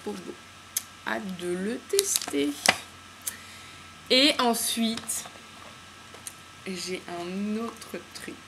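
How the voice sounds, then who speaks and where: A woman's voice: mid-range voice, animated, drawn-out words, gravelly, long pauses. A bubbly woman chats to her viewers from home about her latest polish finds. She rambles happily, stumbling over fillers and slang. Her voice sits in a middle register, with a faint hiss of background noise. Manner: chatty and enthusiastic, many fillers and slang. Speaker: beauty vlogger. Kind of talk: casual nail polish haul chat. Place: home room with windows open to the street.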